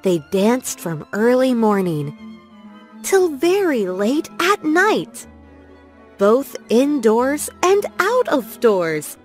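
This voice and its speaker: Lilting female storyteller over soft music. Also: fairly high pitch, very animated, drawn-out words. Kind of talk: slow children's story and rhyme reading.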